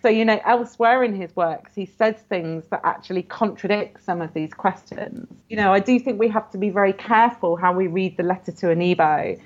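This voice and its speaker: A woman's voice: mid-range voice, a little fast, few pauses. A woman scholar in an interview, explaining ancient texts earnestly and often saying "you know". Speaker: guest scholar. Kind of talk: academic interview. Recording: muffled lo-fi audio.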